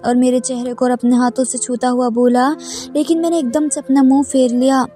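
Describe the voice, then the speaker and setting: A woman narrates a dramatic first-person story in a high, even voice. Her tone is mellow and steady, with little rise and fall. Soft music plays behind her. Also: fairly quick.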